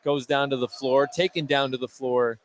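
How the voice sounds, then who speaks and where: A man with a mid-range voice calls a basketball game live on radio, keeping a level tone and a moderate pace. He's in an indoor high school gym mid-game, and the noisy recording picks up game sounds and bouncing basketballs.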